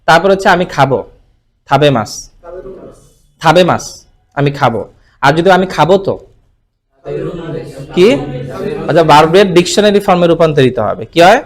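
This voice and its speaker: A man from Bangladesh teaching Japanese vocabulary in a live online class, asking questions and repeating words for students to say. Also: on the high side. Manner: colloquial Bangla mixed with English words.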